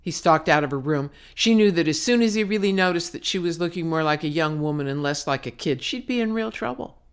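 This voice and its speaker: In this scripted audiobook reading, a woman voices her own novel in a low, expressive, clean-toned voice at a fairly quick pace. Her storytelling is dramatic, and her phrasing is slangy and clipped.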